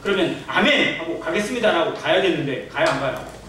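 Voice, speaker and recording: A pastor giving a Sunday sermon in a church, preaching conversationally and putting rhetorical questions to the congregation. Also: male voice, a little high, animated, brisk, fairly bright tone, a little hiss or hum. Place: church sanctuary. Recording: very echoey church hall, from a distance.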